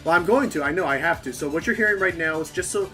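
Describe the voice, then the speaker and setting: Man, forceful bright tone, casual game chat, rambling, jokey, light background music. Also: a little high, lively intonation, fast talker. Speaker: commentator on a video game playthrough. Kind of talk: casual group game commentary.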